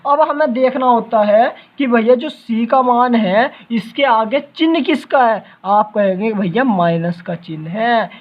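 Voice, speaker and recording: A math teacher with a very high-pitched voice gives a classroom-style lecture, repeatedly asking his students questions and answering them himself. The recording has its highs cut off.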